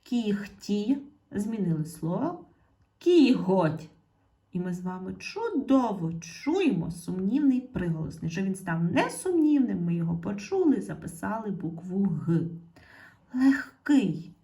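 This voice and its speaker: A woman teaching an online lesson to young schoolchildren. She says example words slowly and clearly and talks straight to the children. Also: mid-range voice, very animated, mellow.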